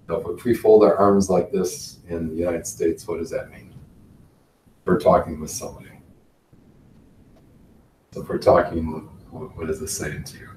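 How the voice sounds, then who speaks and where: A man gives a relaxed business lecture to a class, chuckling now and then and repeating words. His voice sits low and warm. He is recorded from a distance in a roomy space with a faint hiss behind. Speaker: instructor. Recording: roomy, from far off, faint noise.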